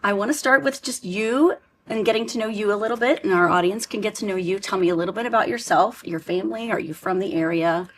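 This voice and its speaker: A woman's voice: mid-range voice, quick pace, few pauses, a little hiss or hum. A woman podcast host asking encouraging questions in an interview.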